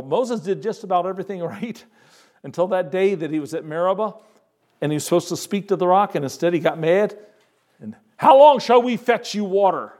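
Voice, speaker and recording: A male pastor preaching a sermon in a conversational way, moving between hushed asides and emphatic lines. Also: sits high.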